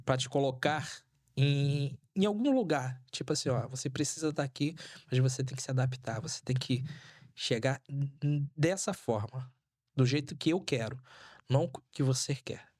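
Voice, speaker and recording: A Brazilian man hosting a podcast, asking questions in a halting way with fillers and restarts. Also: medium pitch, a little mellow, no echo, clean studio sound. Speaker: podcast host. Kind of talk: interview questions.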